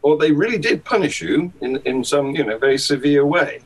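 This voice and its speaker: Male guest, fairly high and husky, wry, chuckles often, reasoned. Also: lively intonation, a little fast, rough recording. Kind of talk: casual discussion.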